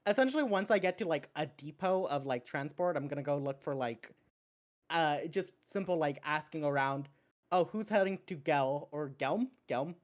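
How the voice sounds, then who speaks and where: A woman playing a tabletop game talks casually, stumbling now and then and swearing lightly. Her voice sits low for a woman. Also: expressive, normal speed. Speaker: player.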